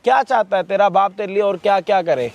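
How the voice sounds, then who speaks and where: A man with a high voice hosts a staged prank video. He scolds loudly, repeats words over and over and swears freely, treating it as a confrontation. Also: fast talker, gravelly.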